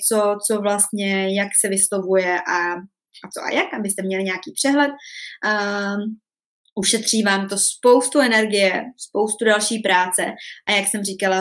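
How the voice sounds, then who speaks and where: A woman giving a casual spoken lesson on pronunciation, chatty and often checking in with her listeners. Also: mid-range voice. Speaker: language teacher.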